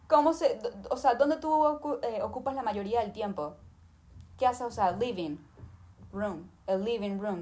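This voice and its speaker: A woman's voice: mid-range voice, a little mellow. A woman talking casually and emphatically, giving listeners tips and speaking to them directly. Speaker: language tips presenter. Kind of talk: casual advice monologue.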